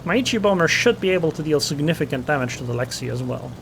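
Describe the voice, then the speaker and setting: A male gamer with a slightly high, animated voice talks fast with vocal fry, thinking aloud over loud game sounds and a little hiss or hum. His first language is Estonian, and in this casual live gameplay commentary he mutters plans and small reactions as game engine and gunfire sounds play.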